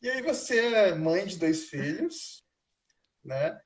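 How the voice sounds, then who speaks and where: A man hosting a relaxed interview, asking long rambling questions with fillers. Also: high voice, slow pace. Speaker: host. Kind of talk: casual interview.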